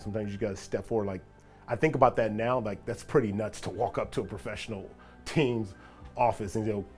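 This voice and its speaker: A man in his forties, a former football player, casually recounting memories while walking through an empty locker room and stadium. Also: lowish voice. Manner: relaxed, reflective, animated when greeting a friend. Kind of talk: casual storytelling walk-and-talk.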